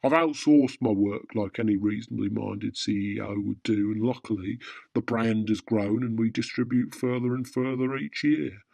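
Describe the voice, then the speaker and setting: A man's voice: lowish voice, fairly even intonation, normal speed, creaky, a little mellow, no room sound. Pompous, grumpy Santa Claus, played by a man. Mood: confiding. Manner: pompous, easily offended. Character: grumpy, self-important businesslike old Santa Claus. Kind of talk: radio drama acting.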